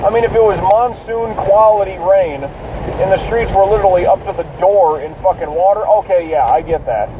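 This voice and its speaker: Recorded in a car during heavy rain, the podcast host goes solo, casually ranting and swearing at other motorists. His high voice keeps a moderate pace; the audio is distant, narrow and tinny, noisy with rain and road sounds.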